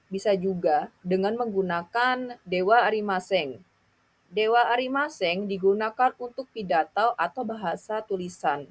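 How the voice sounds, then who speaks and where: A woman explaining grammar in a careful scripted lesson, reading out example sentences with translations. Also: mid-range voice. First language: Indonesian. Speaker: Japanese language teacher.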